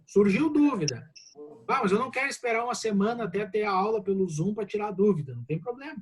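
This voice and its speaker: Over a noisy crowd and poor audio, a Brazilian law professor speaks animatedly and quickly in a high voice during an online class Q&A on video. He's slightly congested, and he comforts his students in a casual, warm way, peppering his Brazilian Portuguese with "né?".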